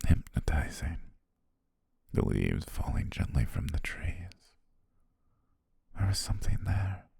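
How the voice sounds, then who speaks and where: In a heavily acted ASMR roleplay with no room sound, a man plays an obsessive, menacing yandere photographer who stalks the woman he loves. His voice is very deep, husky, creaky and breathy. He speaks slowly and intimately in a hush, lingering in long pauses.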